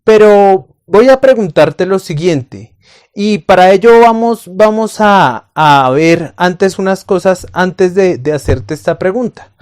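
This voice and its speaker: A man's voice: high-pitched, lively intonation, slow, a little mellow. Male Bible teacher, patient and explanatory, talks straight to the listener as a friend. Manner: patient, addresses listener as friend, rhetorical questions. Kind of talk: scripted Bible lesson to camera.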